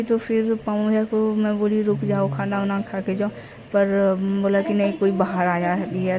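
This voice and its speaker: A woman's voice: mid-range voice, muffled recording. A young woman vlogger chatting casually and rambling through a family story. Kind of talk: casual family vlog narration. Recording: faint background noise.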